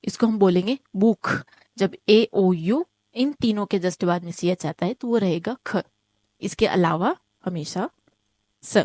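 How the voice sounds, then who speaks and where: A woman teaching an online German lesson, explaining step by step, often checking with "ठीक है?", and saying each example word slowly twice. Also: medium pitch, a little mellow, no room sound.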